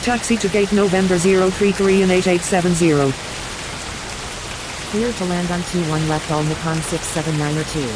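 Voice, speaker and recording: A woman's voice: lowish voice, level tone, normal speed, long pauses. A woman voicing a businesslike airline pilot over the radio, giving clipped, procedural calls in a flight simulator game. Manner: clipped, procedural read-backs. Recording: loud hissing radio static.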